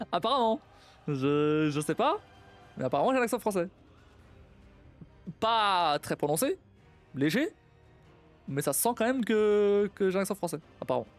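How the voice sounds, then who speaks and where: Speaking in a high voice with big swings in pitch, a young man from a Portuguese family chats on a live stream while faint music plays behind him. He thinks out loud, stumbling and restarting, repeating himself, and laughs a lot.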